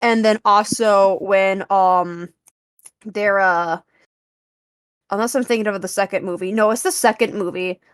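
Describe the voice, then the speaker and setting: An enthusiastic woman co-hosting a casual film podcast, her talk full of fillers and quick asides. Her voice sits at a middle pitch. The sound is dry and close. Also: fairly even intonation, clean tone, no room sound. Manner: chatty, enthusiastic, many fillers. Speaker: podcast co-host.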